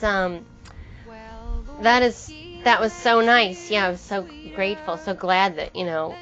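A woman singer-songwriter talking casually in an interview, rambling with frequent restarts and trailing thoughts. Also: on the low side. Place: in New York. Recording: muffled lo-fi film sound. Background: guitar music underneath.

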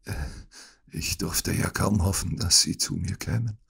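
A man voicing a gravely ill detective who whispers weakly but gives urgent, commanding orders. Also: low-pitched, animated, normal speed, pitched above the performer's own voice, full character voice. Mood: faint. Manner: weak, breathy, urgent orders. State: feverish and dying. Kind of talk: audiobook acting.

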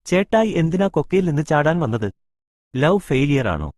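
A persistent, chatty young woman in a storybook tale, firing off question after question, read by a man who lifts his voice slightly for her. Her lines sit in a dry, close recording with a lively, rising and falling pitch. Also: moderate pace, no room sound. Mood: curious. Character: curious, chatty young woman lost in a jungle.

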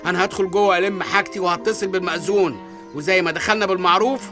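A man playing a jealous excitable Egyptian husband. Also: sits high, music in the background, lightly acted. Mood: fed up. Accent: Egyptian Arabic. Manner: indignant, rapid complaints. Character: jealous excitable young husband, suspicious and dramatic. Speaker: husband in a radio comedy. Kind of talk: comic radio drama acting.

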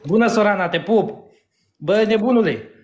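A woman's voice: mid-range voice, expressive, a little mellow, echoey room. A woman joining a live stream, blunt and swearing in jest in casual chat. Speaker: livestream guest. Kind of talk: casual livestream banter.

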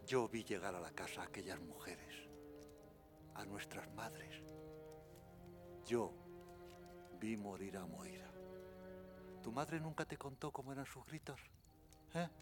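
A man's voice: fairly low pitch, natural voice. An actor from Spain playing an older, bitter, mocking man haunted by what he witnessed, in a film drama. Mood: haunted, insinuating. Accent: Spanish, from Spain. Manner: slow, insinuating, taunting, with haunted weight.

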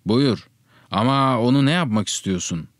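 A man reading the lines of a calm, matter-of-fact father out hunting, speaking slowly and evenly. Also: medium pitch, no room sound, studio quality, close to an everyday voice. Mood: puzzled. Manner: slow, measured, unruffled.

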